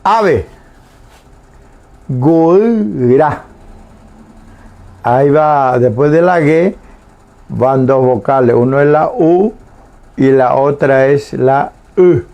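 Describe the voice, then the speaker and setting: A man teaching a language lesson on the radio, saying each word slowly and repeating it twice with pauses. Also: medium pitch, lo-fi sound. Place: radio studio.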